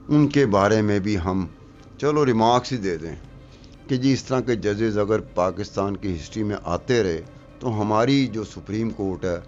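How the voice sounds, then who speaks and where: A man's voice: fairly low pitch, a little mellow. Middle-aged male pundit, emphatic and argumentative, slightly dull recording with faint music beneath. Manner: emphatic, argumentative, repeats points for effect. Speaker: political commentator. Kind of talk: animated political talk-show discussion.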